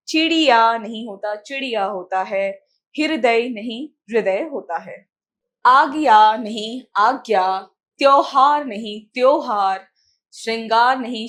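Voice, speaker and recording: Woman teaching children, somewhat high voice. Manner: slow, stressed reading of example words; asks questions then answers them herself. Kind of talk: children's grammar lesson.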